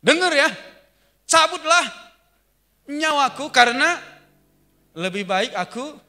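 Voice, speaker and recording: A man voicing Jonah as a stubborn, resentful grown prophet who whines and then shouts in protest. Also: fairly high pitch, fast talker, big-room sound, natural voice. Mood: shouting. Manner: whiny and resentful, rising to indignant shouts.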